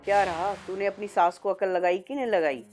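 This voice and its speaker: A woman's voice: medium pitch, fairly even intonation, a little fast, darkish tone, faint music behind, close to an everyday voice. A woman acting a conniving mother egging her daughter on over a phone call, in a conspiratorial, coaxing way, in a family drama skit.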